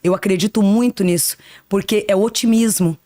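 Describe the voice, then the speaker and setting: A woman's voice: mid-range voice, steady tone, a little fast, dark tone, no echo, clean studio sound. A woman in her fifties, a psychic guest on a podcast, talking in an earnest, reflective way and often tagging "né". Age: 50s. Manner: earnest, reflective, spiritual talk with frequent "né". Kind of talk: podcast interview.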